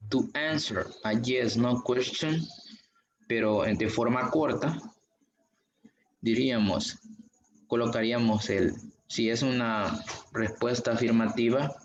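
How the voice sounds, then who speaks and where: Male online teacher; slow, patient, repeats examples; roomy, muffled call sound. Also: medium pitch. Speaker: English teacher. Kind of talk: online class explanation. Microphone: video call. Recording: dull, echoey room audio.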